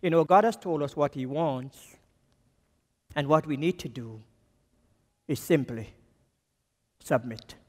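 Slow, emphatic Jamaican preacher in a reverberant church. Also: male voice, animated. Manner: slow and emphatic, voice dropping low on key words. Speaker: missions speaker preaching. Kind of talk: sermon. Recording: long reverb of a church hall.

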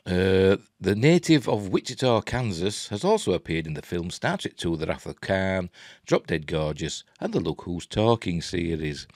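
Speaking at a normal pace, he has a low, slightly mellow voice with wide swings in pitch, and the recording is dry and clean like a studio. A man in his sixties from Yorkshire, he hosts a film and TV news vlog, rambling hesitantly through casual news talk in a small cluttered room indoors at home.

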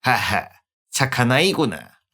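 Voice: medium pitch, big pitch swings, takes it slowly, sharp tone, heavily acted. A streamer voicing a suspicious male stranger in a video game, speaking to a child with insinuating reassurance. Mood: ominously friendly. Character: suspicious, smooth-talking adult male stranger warning a child.

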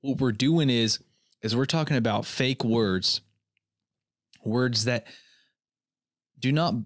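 A man's voice: mid-range voice, fairly bright tone, dry recording, clean studio sound. A young man hosting a comedy podcast, rambling in a mock-earnest way and often restarting his sentences. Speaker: podcast host. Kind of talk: comedic solo podcast monologue.

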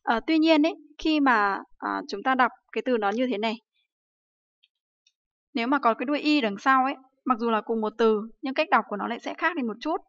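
A woman's voice: a little high, fairly quick, fairly bright tone, no echo. A woman from Vietnam teaching Japanese in a livestream lesson, often asking rhetorical questions and using many fillers. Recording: dry, slightly dull livestream audio.

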